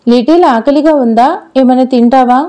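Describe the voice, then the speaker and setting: A playful, doting grown man teases and coaxes a little girl in a storybook, voiced by a woman. The voice stays high and mellow and does not drop to a man's range. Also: brisk, close to an everyday voice. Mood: warm. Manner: teasing, coaxing.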